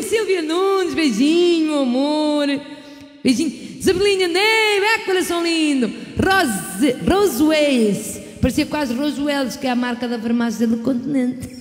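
High-voiced Portuguese woman chatting in an echoey room. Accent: European Portuguese. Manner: bawdy, chatty, laughs often, sends kisses to viewers. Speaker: live-stream host and keyboard singer. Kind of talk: casual live-stream chat with shout-outs. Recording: echoey room with long reverb and music.

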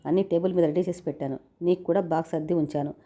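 A woman's voice: on the low side, steady tone, very fast, warm tone, dull audio, close to an everyday voice. A woman reading the lines of a modest, hardworking young wife in a narrated story. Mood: earnest.

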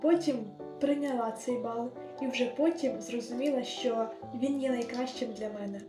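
A woman's voice: fairly high pitch, normal speed. Earnest young woman giving study tips. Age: late teens. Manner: earnest, gentle advice-giving. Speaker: vlogger. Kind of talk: advice vlog narration. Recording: echoey room with music underneath.

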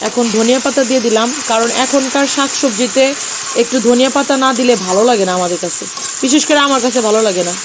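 Woman home vlogger, Bangladeshi accent, hoarse with a cold, slightly high voice, chatty, shot on a phone. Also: quick pace, noisy background. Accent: Bangladeshi Bengali. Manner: chatty, showing food to the camera. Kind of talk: casual home vlog narration.

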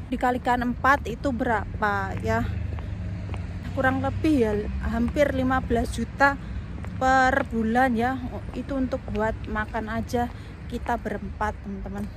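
A family vlogger chats casually with her viewers as if they were friends while filming a shopping trip on a handheld phone or camera held at arm's length. Her voice is on the high side, steady in tone and unhurried, with background noise as she moves from roads and car parks outdoors into a supermarket.

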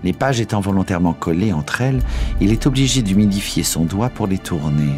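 A man narrating a classic novel in a measured storytelling voice over faint music. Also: low voice, lively intonation, darkish tone. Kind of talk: scripted literary narration.

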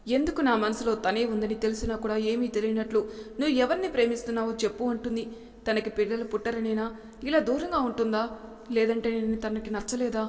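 A woman's voice: fairly high pitch, steady tone, fairly quick, darkish tone, in a large hall. A woman narrating a serialized family story, reading every part in her own voice with light inflection for dialogue.

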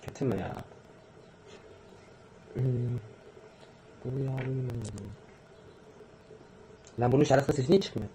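A live streamer in his twenties chats casually with his viewers, fast and slangy, muttering asides to himself as he types. His voice is medium-pitched. The low-quality recording has slight background noise, with loud music playing behind him.

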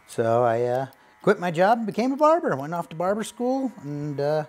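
A man's voice: on the high side, sing-song, normal speed, darkish tone. A man in his thirties, a barbershop owner, talking earnestly and gratefully in a casual interview while he cuts hair, with lots of fillers. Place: barbershop basement.

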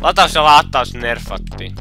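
Very bright, teasing gamer man. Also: mid-range voice, very animated, vocal fry, faint music behind. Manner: teasing, joking. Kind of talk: casual gaming chat.

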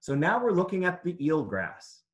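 Reading to children at a normal speed, this man has a high, very animated voice. He speaks in simple phrases the way a teacher would and turns the read-aloud into an interactive lesson by asking his listeners questions.

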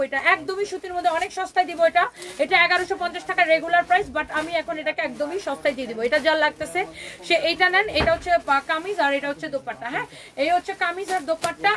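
Woman hawking dresses on a phone live, super fast and high, keeps repeating herself. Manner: fast, emphatic, repetitive sales patter mixing in English. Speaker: online clothing seller hosting a live sale. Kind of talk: live-stream sales pitch.

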